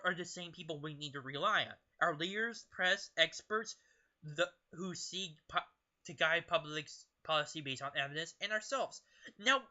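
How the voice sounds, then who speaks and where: A young adult political vlogger with a medium-pitched, sharp voice reads book passages aloud and comments on them emphatically and with strong opinions, often stumbling over words. The audio is dull.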